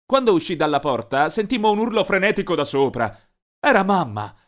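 A man narrating an animated teen story in a lively, mischievous storytelling voice. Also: high voice, fairly quick.

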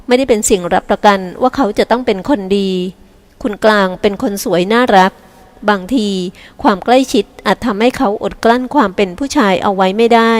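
A woman reading an audiobook novel aloud in slow, measured narration. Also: medium pitch. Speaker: audiobook reader. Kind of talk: scripted narration.

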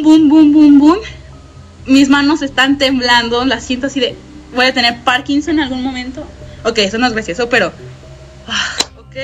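A woman's voice: sits high, fairly bright tone, low-quality recording. A young Mexican woman with a Mexican Spanish accent, doing frightened horror game commentary full of swearing, nervous laughter and shrieks. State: scared and shaky. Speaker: gameplay streamer.

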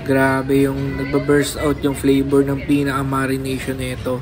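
A man's voice: medium pitch, completely flat delivery, moderate pace, music in the background. A man with a Filipino accent giving a casual food review with his mouth full of food, chatting to his viewers. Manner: chatty, repeatedly addresses viewers. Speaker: food vlogger. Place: restaurant.

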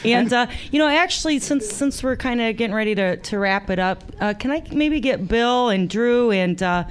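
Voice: mid-range voice, expressive, normal speed, a little hiss or hum. A radio host interviewing a band live in the studio, laughing often and rambling with many fillers.

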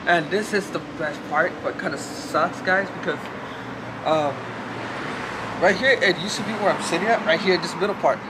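A man's voice: fairly high pitch, normal speed. Young guy vlogging on camera, loose rambly talk, lots of background noise. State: shaking from cold. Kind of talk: casual vlog. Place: outdoors on a city street, later a hotel room. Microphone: handheld camera filmed by a friend. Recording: noisy street and room ambience.

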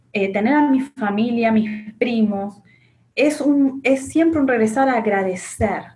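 An Argentine woman in her forties speaks earnestly and with self-assurance in an interview. Her Argentine Spanish accent is clear, and her answers are full of fillers and restarts. She is recorded on a webcam in a small office. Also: mid-range voice, a little mellow. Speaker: interview guest, accountant and business owner. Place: small indoor office with a framed picture.

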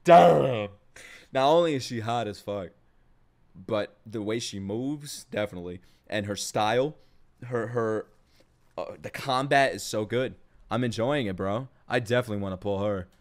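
Over game trailer music, a man with a lowish voice streams live reactions to game videos at a moderate pace. His commentary comes in exclamatory bursts of crude, slangy banter, full of jokes and swearing.

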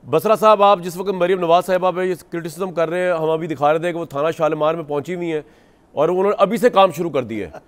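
A man's voice: fairly high pitch, fast talker. A man, hosting a political talk show and politely cutting in on guests, addressing them as sir. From Pakistan. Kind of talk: moderating a political debate. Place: TV studio.

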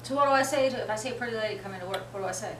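A man's voice: high voice, rapid-fire, pushed and bright. A man playing a lonely, thrifty middle-aged man in a comedy sketch, earnest and rambling. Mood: plaintive. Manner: earnest, rambling, repeats himself. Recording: roomy, distant mic, faint hiss.

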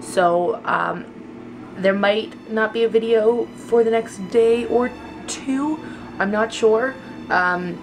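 Holding a camera at arm's length, a twenty-something vlogger chats to her viewers in a loose, rambling way. She has a mid-range voice, and the background is noisy.

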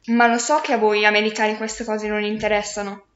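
A woman's voice: medium pitch, little pitch movement, brisk, a bit bright, close to an everyday voice. A woman voicing a centuries-old aristocratic male ghost who is self-pitying and haughty, in a storybook reading. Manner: whining, wounded pride. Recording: roomy, dull lo-fi recording.

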